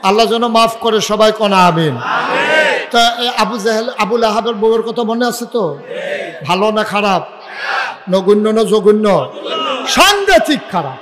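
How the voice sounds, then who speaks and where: A male preacher with a high voice delivers a fiery storytelling sermon. He keeps shouting out for the crowd to answer him and throws in jokes, and a long reverb trails each phrase through the loudspeakers at an outdoor gathering. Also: steady tone, a little slow, long pauses, noisy background.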